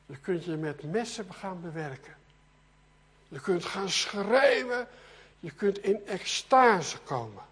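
A man preaching a sermon, swinging between loud emphatic bursts and quiet, low passages. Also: takes it slowly, husky. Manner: animated, rising to loud emphasis and dropping to soft.

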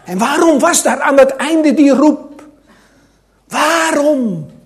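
Male preacher, sermon in church, high voice, very slow, loud-then-hushed dramatic delivery.

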